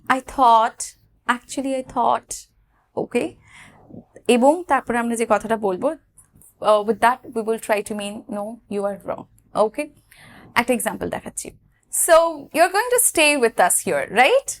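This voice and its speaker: A woman with a Bengali accent teaching English phrases, explaining patiently and saying each example slowly. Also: a little high. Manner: clear, patient, slow when modelling English lines.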